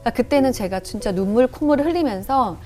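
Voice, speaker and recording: A woman gives her faith testimony as a talk-show guest, pitched a little high with a lively, swooping melody. She tells her story vividly and acts out her own past outbursts. Faint music sits quietly behind her. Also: quick pace.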